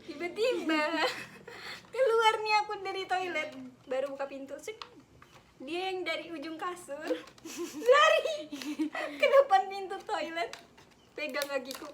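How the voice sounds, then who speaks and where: A woman's voice: very high-pitched, unhurried, background noise. A young woman vlogger casually retelling her own story, laughing and dramatizing.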